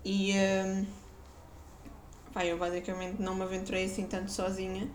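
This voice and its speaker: This young Guarda podcaster has a regional European Portuguese accent and speaks at normal speed in a mid-range voice with a completely flat delivery. Even so, she tells her casual personal story chattily, with lots of laughter and fillers, over slight background noise.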